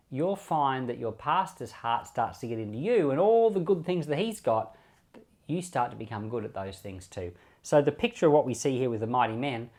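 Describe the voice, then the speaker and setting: Here a medium-pitched man with a darkish tone, an Australian pastor who runs a Bible podcast, offers relaxed Bible commentary. His preaching is chatty and informal, with short phrases repeated again and again.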